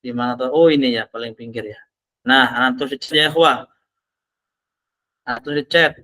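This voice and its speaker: A man teaching an online Arabic class, slowly sounding out each Arabic word before explaining it. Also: medium pitch, bright, forceful tone.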